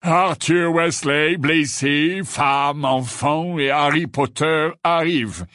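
A man's voice: sits high, expressive, unhurried, a bit bright, no echo, clean studio sound, voice pushed up, exaggerated voice. A man voicing a reluctant old wizard in a painting, with a fluty voice and a drawling, grudging manner. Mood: weary. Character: reluctant old portrait wizard, weary and fussy.

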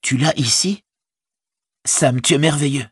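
A man's voice: mid-range voice, moderate pace, slightly rough, dry recording, clean studio sound, voice pushed up. A man voicing a burdened, haunted young hobbit in an audiobook, speaking intensely in a raised voice. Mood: frantic. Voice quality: intense, despairing. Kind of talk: audiobook character voice.

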